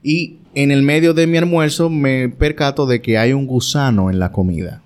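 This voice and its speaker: A man's voice: medium pitch, normal speed, clear, resonant tone. A man earnestly telling a personal story in casual conversation, reflecting on his fears. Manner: earnest, self-reflective, animated retelling. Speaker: guest sharing a personal story.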